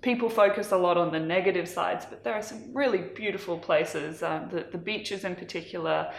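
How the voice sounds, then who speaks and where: A woman's voice: on the low side, a little fast, vocal fry. Chatty woman in her twenties, echoey room. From Malawi. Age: 20s. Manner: chatty and self-deprecating, laughing often. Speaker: interview guest, athlete. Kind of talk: casual interview chat.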